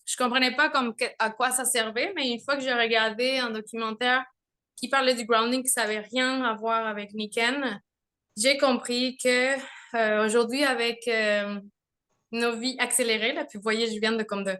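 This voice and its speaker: Her voice is a little high and sharp in tone, steady and at a moderate pace. A young mother from Mexico, she offers a chatty, informal testimonial from home on a video call, kids close by, sprinkling in fillers and little laughs.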